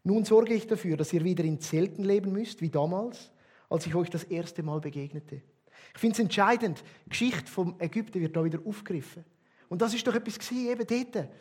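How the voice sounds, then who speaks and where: A man with a Swiss German accent preaching a sermon as a pastor, emphatic, with loud stresses and quiet drops. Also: high voice, brisk, slightly rough.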